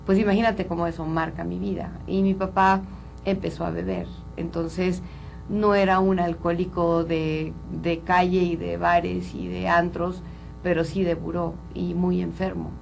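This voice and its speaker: A woman's voice: fairly low pitch, level tone, unhurried, gravelly, darkish tone, soft background music, low-quality recording. A woman from Colombia, a psychologist speaking earnestly and openly as an interview guest. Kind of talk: candid interview talk.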